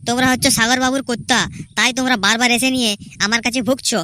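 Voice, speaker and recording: A woman's voice: fairly high pitch, fairly even intonation, very fast, sharp tone, no room sound. A woman voicing a stubborn, defensive young husband in a cartoon. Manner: defensive, irritated, firm.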